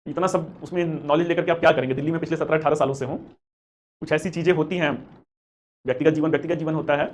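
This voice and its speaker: Fast-talking Hindi history teacher, a man. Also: fairly high pitch, fairly even intonation, a little mellow. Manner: addresses students as beta, chatty and encouraging; mixes Hindi with English terms. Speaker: history teacher for civil service exam coaching. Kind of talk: live online class with chat questions.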